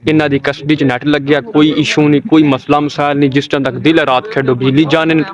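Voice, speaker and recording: A man's voice: on the high side, level tone, fairly quick, dull audio, crowd noise. A man, chatting casually as he vlogs from an outdoor night volleyball ground on a phone camera. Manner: chatty, greets and interviews players. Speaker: vlogger. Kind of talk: casual vlog narration.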